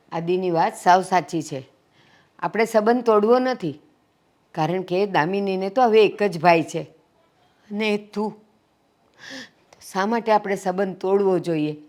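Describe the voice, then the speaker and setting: A woman's voice: medium pitch, close to an everyday voice. A woman playing an older mother who heads the family, making peace and lecturing earnestly. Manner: earnest, scolding when roused. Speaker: family matriarch. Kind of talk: family drama acting.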